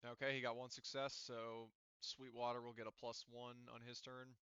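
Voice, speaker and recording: Thinking aloud through rules and dice counts, a game master in an online tabletop session talks in a halting way. His medium-pitched delivery is flat yet pushed and bright, with a clear, resonant tone, captured on lo-fi audio.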